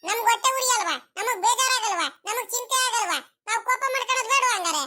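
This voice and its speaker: A woman's voice: extremely high pitch, fast talker, pushed and bright. A woman voicing an angry village father-in-law. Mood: angry accusing. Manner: scolding, accusing. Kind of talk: village comedy cartoon voice acting.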